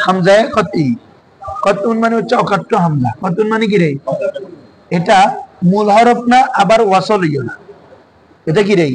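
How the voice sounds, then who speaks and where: Man, teacher, high-pitched, classroom lesson, asks questions, light background noise. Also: low-quality recording. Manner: quizzing students with repeated questions.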